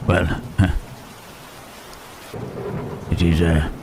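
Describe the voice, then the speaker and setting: A man voicing Frankenstein's monster as a lonely, gentle creature who stammers and speaks formally in an ASMR roleplay. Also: low voice, little pitch movement, very slow, noisy background. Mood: tender, shy. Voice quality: hesitant, stammering, formal speech. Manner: soft questioning tags, huh, eh, hmm. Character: lonely, gentle male monster, shy and halting. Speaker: voice actor.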